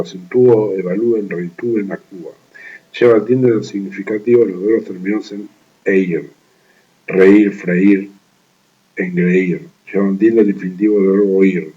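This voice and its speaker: A man with a fairly low, mellow voice reads a study text aloud at an even, methodical pace. He stops to repeat words he trips over and slips in short offhand comments. The recording sounds dull and lo-fi. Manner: reads steadily, restarting stumbled words, with brief offhand asides. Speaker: law study reader. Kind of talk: reading a legal writing manual aloud.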